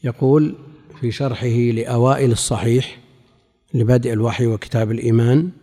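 A man teaching a religious lesson, explaining a classical commentary in a measured way, with pauses between phrases. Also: medium pitch, level tone, mellow. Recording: long hall reverb.

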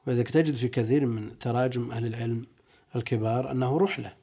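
Mellow-voiced sheikh explaining slowly. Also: male voice, mid-range voice, fairly even intonation. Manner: deliberate, stretches key words while explaining. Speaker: sheikh teaching a text. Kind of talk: classical lesson, reading and explaining commentaries.

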